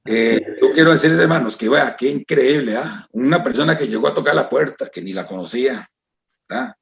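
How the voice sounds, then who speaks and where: Gravelly Costa Rican man testifying. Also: medium pitch, expressive, brisk, dull audio. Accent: Costa Rican Spanish. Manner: emotional, repeats "hermanos" and "¿verdad?". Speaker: church member giving testimony. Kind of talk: personal testimony to a congregation.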